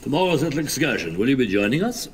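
Casting: smooth, dodging club gentleman, lively intonation. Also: medium pitch, quick pace. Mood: evasive. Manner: smooth, evasive, hedging. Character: evasive German hunting-club gentleman.

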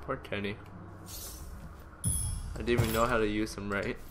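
A man commentating casually on his own video game play, swearing constantly and breaking into excitable outbursts. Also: on the low side, normal speed. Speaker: gamer doing a let's play. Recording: commentary over loud game music.

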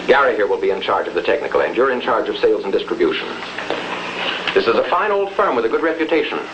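An American actor playing a calculating older boss in a 1950s television crime drama, speaking with formal, deliberate authority. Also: male voice, on the low side, big pitch swings, lo-fi sound. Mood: commanding. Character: commanding, calculating older male boss of a propaganda front. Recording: noisy old 1950s television film soundtrack.

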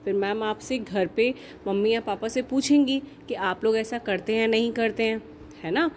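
A young woman teaching a kindergarten class, asking simple questions in a slow, sing-song teacherly way and mixing in English words. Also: a little high, slight background noise. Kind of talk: online class lesson for young children.

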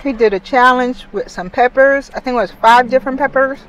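A middle-aged woman talking casually to camera while eating, chewing as she talks and leaving long pauses between bites. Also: sits high, a bit bright, poor audio. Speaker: food review vlogger. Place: inside a parked car.

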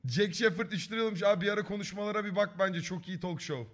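A man's voice: high voice, fast. A man streaming live, casually joking and reading out viewer messages. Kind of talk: live-stream reaction chat.

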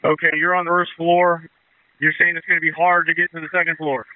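A man's voice: on the high side, little pitch movement, fairly quick, clear, resonant tone, no echo. A man acting as incident commander on a two-way radio, giving urgent, clipped orders and questions. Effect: two-way radio transmission. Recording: narrowband fire radio transmission.

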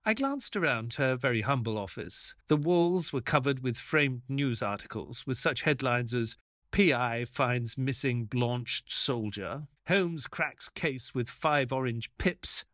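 A man playing a mild, earnest doctor who narrates his detective tale in a measured, polite audio play style. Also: medium pitch, lively intonation, a bit bright, no room sound, studio quality. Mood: reflective. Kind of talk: dramatic first-person audio play narration.

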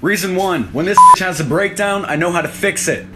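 Bright, high-pitched man in a noisy clip. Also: fairly quick. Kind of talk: comedic list monologue for social video.

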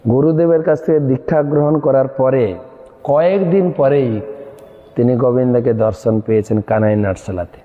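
A man preaching a devotional sermon at an unhurried, deliberate pace, stretching out chanted scripture verses between plain explanations. His voice sits at an ordinary middle pitch. The sound is thin and phone-like, with a long hall reverb trailing behind it. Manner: slow measured preaching, breaking into drawn-out verse chanting. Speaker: monk preacher.

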